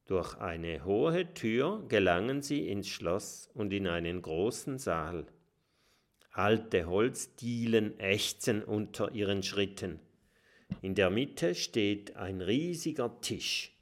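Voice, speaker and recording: A man reads a children's story aloud with lots of expressive, dramatic storytelling. His fairly low voice swoops up and down, and he takes his time with every sentence. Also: slow. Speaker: storybook narrator. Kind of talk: children's audiobook narration.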